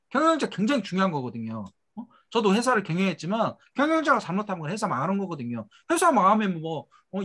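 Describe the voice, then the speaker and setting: A middle-aged man giving a motivational seminar lecture for a network marketing business, talking emphatically with rhetorical questions and letting tag phrases trail off low and quiet.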